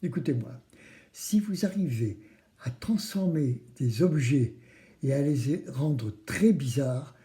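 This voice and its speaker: A man's voice: mid-range voice, animated, slow, dark tone. A man hosting a kids show, speaking to children with simple, coaxing explanations and questions. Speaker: children's craft show host. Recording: roomy, echoing room.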